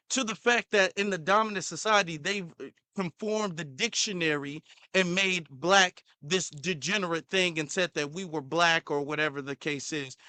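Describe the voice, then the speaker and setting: A man's voice: high voice, sharp tone, no echo. A man hosting a commentary channel, reacting to a clip in a heated, repetitive way, sometimes stumbling over his words.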